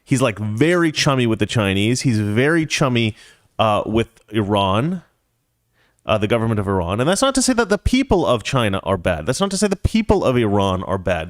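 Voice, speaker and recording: A talk show host offers casual political commentary, rambling conversationally and drifting into anecdotes. His voice is medium-pitched, and the recording is dry with clean studio sound.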